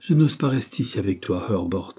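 A man's voice: deep voice, lively intonation, brisk, breathy edge. Man voicing Anna, a timid young girl. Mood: pleading. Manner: soft, pleading.

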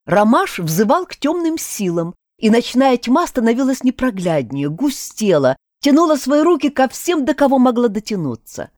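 A woman narrating a first-person fantasy audiobook in an expressive way. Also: a little high, moderate pace, few pauses, no room sound, clean studio sound. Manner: expressive, animated.

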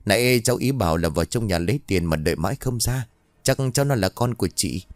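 A man voicing a polite middle-aged motorbike-taxi driver in a storybook ghost tale, speaking gently. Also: fairly low pitch, animated, fast, no echo, close to an everyday voice. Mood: gentle.

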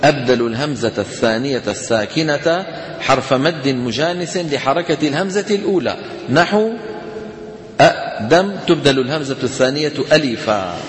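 A man with a Levantine Arabic accent teaching a tajweed lesson, talking casually to students, checking they follow and chanting examples slowly. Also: medium pitch, expressive. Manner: conversational, asks students rhetorical questions. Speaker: Quran recitation teacher. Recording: echoey hall reverb.

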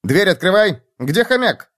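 A frantic cartoon-style hare, as a male narrator puts him on, his voice pushed well above the reader's own. He chatters in quick, squeaky bursts and jumps about in pitch. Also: very animated, fairly bright tone, heavily acted. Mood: alarmed. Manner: shrill, rapid chatter. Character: excitable fast-talking male hare.

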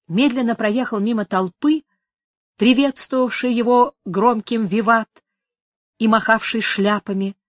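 A woman reading a story aloud as narrator, measured and steady. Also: a little high, dry recording, clean studio sound. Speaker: audiobook narrator. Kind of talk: scripted narration.

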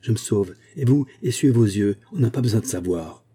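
A man's voice: on the low side, lively intonation, moderate pace, warm tone, slightly rough. A man voicing a cheerful, motherly young seamstress who coaxes her friend in a chatty way. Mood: coaxing. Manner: coaxing, chatty.

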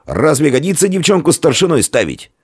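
A man's voice: on the high side, big pitch swings, brisk, husky, pitched above the performer's own voice. A man voicing a resentful boy who grumbles and demands to be chosen. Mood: grumbling.

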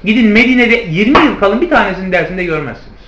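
A male theology teacher lectures to his class and calls them his friends. He poses rhetorical questions and answers them himself, in a high voice that swings widely in pitch. The recording sounds roomy and a little dull, with faint noise behind him. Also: lively intonation, fast talker. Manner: addresses listeners as friends. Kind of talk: lecture on hadith commentary.

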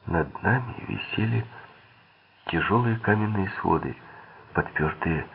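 A man's voice: sits low, expressive, unhurried, vocal fry, husky. A man reading a thriller audiobook aloud, shifting his tone slightly for the characters' quoted lines. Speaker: audiobook narrator. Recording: tinny phone-like sound.

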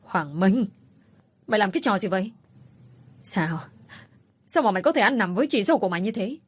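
A woman reading an audiobook voices a stern old man who scolds in harsh shouts. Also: medium pitch, lively intonation, rapid-fire, slightly rough. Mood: angry scolding.

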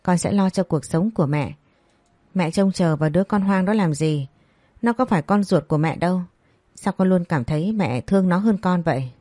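A woman's voice: lowish voice, moderate pace, dark tone, no echo, studio quality, lightly acted. A woman voicing a spoiled, defiant young woman who sneers at her family, in a storybook reading.

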